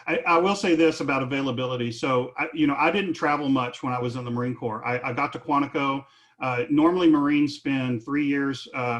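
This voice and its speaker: A man's voice: mid-range voice, fairly bright tone. A man in his fifties talking on a career webinar panel, rambling with many fillers and restarts.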